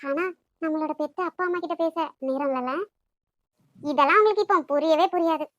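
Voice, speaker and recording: A woman voicing a sharp-tongued young cartoon woman. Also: high voice, no echo, lightly acted. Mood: scolding. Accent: Nagercoil Tamil. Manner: quick, scolding, teasing. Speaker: voice actor for an animated love story. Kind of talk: cartoon voice acting.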